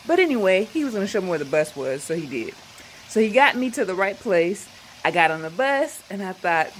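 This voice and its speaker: A woman telling a personal travel story in a casual, animated way, acting out the people she meets. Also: on the low side, a little hiss or hum, low-quality recording.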